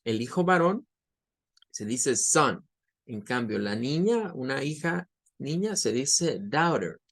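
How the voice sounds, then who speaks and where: A man teaching English pronunciation, saying each example word over and over slowly. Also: mid-range voice, very animated, a bit bright. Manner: patient, repeats words slowly for drilling. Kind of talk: online language lesson.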